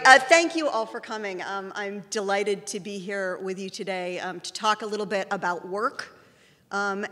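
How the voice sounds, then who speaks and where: A woman giving a public lecture as guest speaker, relaxed and self-deprecating, with a few fillers. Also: mid-range voice. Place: university lecture room. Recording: reverberant lecture hall.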